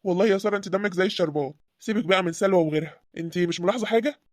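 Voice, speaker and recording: A woman voicing Youssef, an earnest young man confessing love in an animated drama, with an Egyptian accent. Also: fairly low pitch, rapid-fire, no room sound, clean studio sound, lightly acted. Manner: earnest, insistent. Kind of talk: cartoon voice acting.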